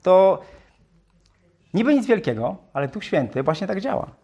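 A man's voice: high-pitched, very animated, moderate pace, dark tone, slightly rough. A man preaching a sermon, reading Bible verses aloud and explaining them, often asking his listeners questions and repeating phrases.

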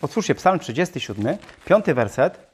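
A man's voice: on the high side, very animated, normal speed, a little mellow, a little hiss or hum. A man preaching a sermon, firing rhetorical questions at his congregation. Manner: self-described talker.

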